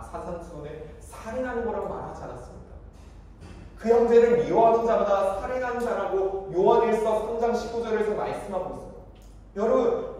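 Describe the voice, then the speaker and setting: A young man preaching to a church youth group, lively and questioning, acting out quoted voices. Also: high voice. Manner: animated, acts out quoted voices, asks the congregation questions. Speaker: youth pastor. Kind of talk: sermon. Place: church hall. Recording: echoey church hall, mic from far off.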